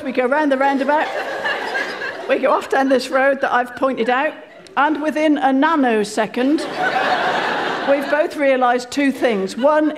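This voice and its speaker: A woman's voice: high voice, background noise. A woman telling a wry, self-deprecating comic story live on a theatre stage. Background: audience laughter.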